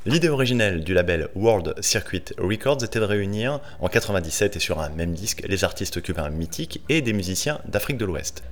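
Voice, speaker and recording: A man hosting a radio music show, presenting in a relaxed, slangy way with playful asides. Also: sits low, brisk, hardly any pauses.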